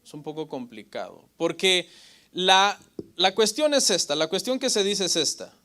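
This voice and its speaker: Man, pastor, Bible lecture, bright forceful voice, slightly high pitch, asks and answers his own questions. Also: sing-song, normal speed. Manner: asks the audience questions and answers them himself; often adds "hermano" and "ok?".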